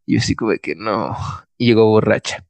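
A man's voice: fairly low pitch, steady tone, very fast, creaky, darkish tone, no echo. Young mexican guy rambling a story, lots of slang and "este", dry close sound. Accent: Mexican Spanish. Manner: slangy, loose, filler-heavy. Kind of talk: casual storytelling chat.

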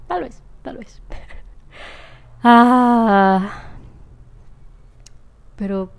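A woman's voice: a little high, very slow, gravelly, pauses often. A young woman, chatting casually to camera, rambling and laughing often. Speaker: vlogger.

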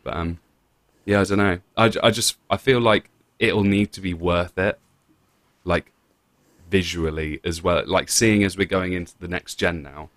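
Casual British young man, very low voice, dry close sound, rambling gamer chat. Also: moderate pace, dry recording. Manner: relaxed, rambling, many fillers and restarts.

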